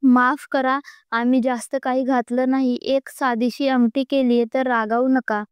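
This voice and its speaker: A woman narrator voices a humble brother of the bride whose words sound hurt and apologetic, in a storybook romance. The voice is high, even and crisp, recorded dry. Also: moderate pace, dry recording, natural voice.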